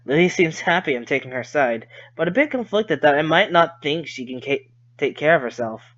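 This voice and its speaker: A man's voice: fairly high pitch, lively intonation, fairly quick, a bit bright, dull audio. Man casually reading a visual novel. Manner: conversational, swears at his own slips and rereads.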